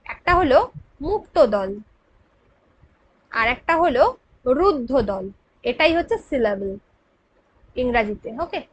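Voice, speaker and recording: High-voiced woman teaching grammar. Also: very animated, dull audio, slight background noise. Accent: Bengali. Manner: patient, explains slowly and checks in with listeners. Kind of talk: exam prep grammar lesson.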